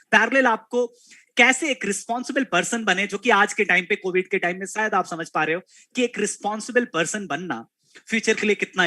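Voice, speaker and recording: Bright-voiced man hosting a live class. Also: high-pitched, no echo. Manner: addresses students as kids, mixes English into Hindi. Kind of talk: live online class chat.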